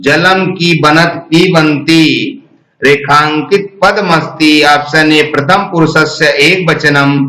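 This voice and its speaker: Guy slowly reading out quiz options, bright voice, kinda high. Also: fairly even intonation, echoey room, poor audio. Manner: slow, deliberate recitation of options. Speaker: exam prep teacher. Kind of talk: reading quiz questions and answers.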